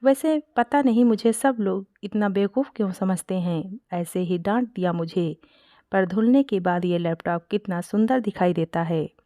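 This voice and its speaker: A woman reading aloud gives voice to a simple, eager young daughter-in-law who takes every instruction at its word. Her tone is innocent and earnest in a storybook reading, set at a middle pitch. The sound is close and dry. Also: moderate pace, warm tone, no echo, natural voice. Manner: innocent, literal-minded. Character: naive, well-meaning young daughter-in-law.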